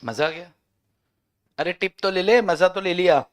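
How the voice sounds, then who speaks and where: A man's voice: sits high, a little slow. A man teaching a law class online, joking and bantering with his students.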